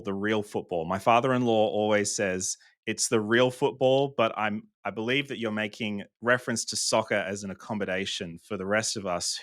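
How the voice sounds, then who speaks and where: Guy interviewing someone, lowish voice, easy joking tone. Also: fairly bright tone. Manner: joking, friendly questioning. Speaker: interview host. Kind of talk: conversational interview.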